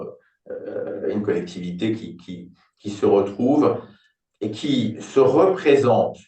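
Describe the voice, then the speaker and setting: Older French-speaking consultant type, thoughtful and explanatory, recorded off-mic in an echoey room. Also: male voice, fairly low pitch, a little mellow. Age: 60s. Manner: reflective, explanatory, thinks aloud with homely examples. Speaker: business turnaround consultant, company founder. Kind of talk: conversational interview. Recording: roomy, distant mic.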